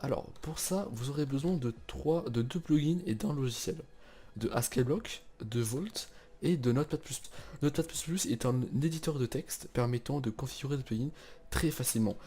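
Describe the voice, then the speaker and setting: A young man hosting a casual game server tutorial, chatty and relaxed, with many fillers and restarts. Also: medium pitch, moderate pace, breathy edge. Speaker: tutorial host.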